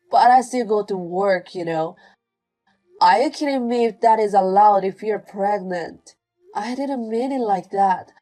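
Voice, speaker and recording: A woman voicing a pregnant young wife who is apologetic and worn down, speaking softly and pleadingly in a scripted domestic drama. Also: mid-range voice, close to an everyday voice.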